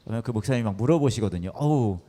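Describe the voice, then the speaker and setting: A male pastor telling a story to an audience in a lively, playful way, acting out the people in it. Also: mid-range voice, fast. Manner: animated storytelling with playful act-outs. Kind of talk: storytelling talk. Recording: long hall reverb.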